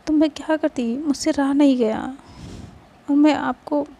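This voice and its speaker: A woman's voice: sits high, fairly even intonation, a little slow, warm tone, pitched above the performer's own voice. A woman storyteller voicing a playful, doting young woman in love who teases her sweetheart with affection. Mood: teasing. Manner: teasing, affectionate.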